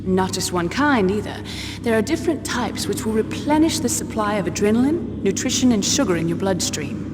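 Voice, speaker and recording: A woman's voice: mid-range voice, animated, fairly quick, over music, close to an everyday voice. A woman voicing a cool, precise military scientist in a video game, explaining in a firm clinical manner. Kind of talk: dramatic video game voice acting. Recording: long hall reverb, noisy ambience behind.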